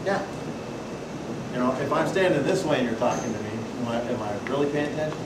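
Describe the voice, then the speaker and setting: Fast-paced and mid-range in pitch, a Pacific Northwest presenter at a membership workshop tells lively stories and throws questions to the audience in a meeting hall. He's loud and folksy, and the distant recording carries echo and loud noise.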